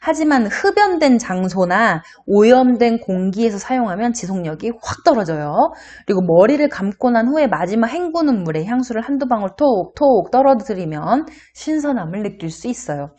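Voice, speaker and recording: A middle-aged woman teaching a recorded class. Her pitch swings widely as she talks, and she keeps turning to the students with questions in a chatty, friendly manner. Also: sing-song, moderate pace, hardly any pauses, dark tone. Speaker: university lecturer. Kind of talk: recorded online lecture.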